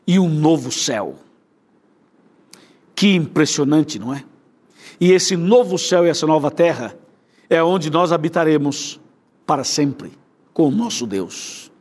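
A Brazilian man delivering a fervent sermon with a Brazilian Portuguese accent. His voice sits a little high for a man. He preaches in a rhythmic, repeating cadence.

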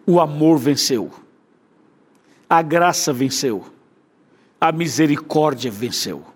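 A Brazilian man preaches a fervent sermon in a Brazilian Portuguese accent, his voice a little high for a man. His delivery is slow and rhythmic, with repeating cadences and a breathy edge.

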